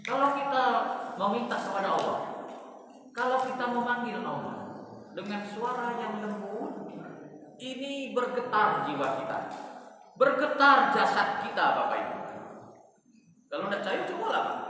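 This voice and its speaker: Man preaching in an echoey mosque hall. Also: high voice. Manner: drops to a slow hushed voice to show soft prayer. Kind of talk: dawn study sermon. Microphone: mosque microphone. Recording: very echoey hall, voice far from mic, faint hiss.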